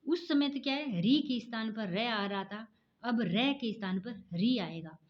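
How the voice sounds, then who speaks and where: A woman teacher, giving an exam-prep spelling lesson and repeating each word slowly to contrast wrong and right forms. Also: on the high side, muffled recording.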